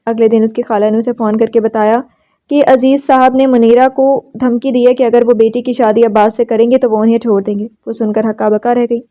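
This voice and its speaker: A woman narrating a novel as an audiobook in a steady storytelling read. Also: fairly high pitch. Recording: slightly dull lo-fi recording.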